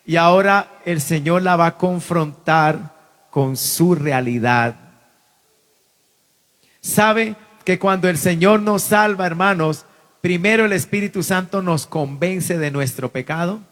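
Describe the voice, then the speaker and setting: A male pastor delivering an impassioned sermon, his fervent preaching swelling at times into shouts. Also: high-pitched, slow.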